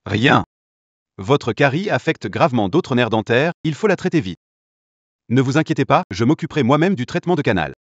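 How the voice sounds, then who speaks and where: An actor dubbing a calm young dentist in a drama series, gentle and reassuring. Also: male voice, medium pitch, moderate pace, no room sound, highs cut off. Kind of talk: French dub of a drama series.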